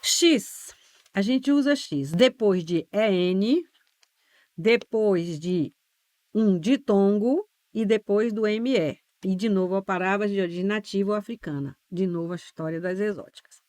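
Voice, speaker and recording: A woman with a Brazilian Portuguese accent teaches an online exam-prep class. She explains step by step, slows down on key letters and keeps checking that the viewer follows. Her mid-pitched voice sounds close and dry. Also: darkish tone, no room sound.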